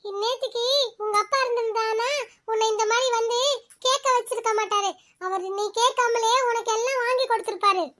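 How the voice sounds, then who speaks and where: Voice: very high-pitched, steady tone, brisk, sharp tone. திட்டும் தாய், கேலிப் பேச்சு,, மிக உயர்ந்த குரல். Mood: scolding. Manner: scolding, sarcastic. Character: scolding older mother, sharp-tongued.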